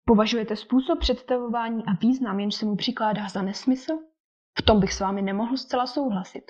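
A woman reading the lines of a dry, teasing older English gentleman and father in an audiobook. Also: a little high, fairly even intonation, natural voice. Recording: dull lo-fi recording.

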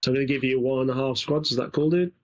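A man's voice: medium pitch, very fast, rough recording. An English man with an East Midlands accent, chatting casually and rambling while commentating a co-op game, laughing often. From England. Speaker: gaming channel host.

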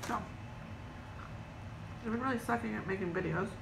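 A woman's voice: medium pitch, moderate pace. A young woman vlogger chatting casually to camera while eating, talking through a mouthful of food. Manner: chatty, filler-heavy, offhand. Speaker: mukbang vlogger. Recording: echoey room with clear background noise.

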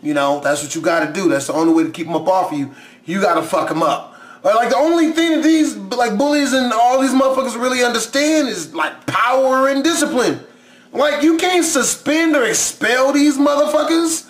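A man with a very high voice gives profane, incredulous reactions to a video. He swears and mocks as he talks, and his voice bounces around an echoey room. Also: expressive, fairly quick. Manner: loud, incredulous, swearing, mocking. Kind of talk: profane casual reaction commentary.

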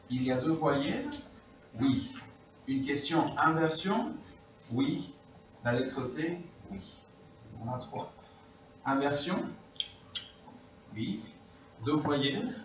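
A man teaching a French class, speaking slowly, repeating his phrases and slipping now and then into English. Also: medium pitch, far from the mic, noisy background. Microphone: distant room recording. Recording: echoey classroom recorded from afar, dull.

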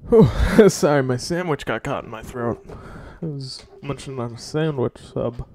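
A man's voice: mid-range voice, moderate pace. A man streaming a game, chatting casually as he signs off to his viewers. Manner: relaxed, chatty sign-off to viewers.

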